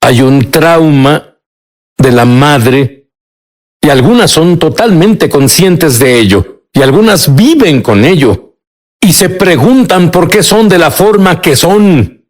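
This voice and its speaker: Male host, somewhat high voice, earnest and probing. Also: expressive, slow. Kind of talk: TV interview questioning, dubbed.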